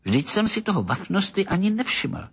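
A man voicing an excitable, irritable middle-aged police detective who talks in agitated bursts in an audiobook reading. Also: sits high, husky, voice pushed up, full character voice. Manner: agitated, exclamatory, bursts of shouting.

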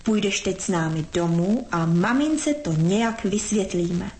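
A woman voicing Winter as a brisk, self-important but kindly female spirit in a storybook reading. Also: mid-range voice, a little mellow, a little hiss or hum, lightly acted.

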